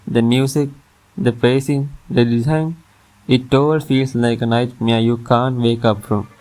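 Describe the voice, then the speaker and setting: A man's voice: medium pitch, fairly even intonation, unhurried, a little mellow, low-quality recording. A man reading a scripted top ten countdown as its narrator, with music playing behind him. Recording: music under the voice.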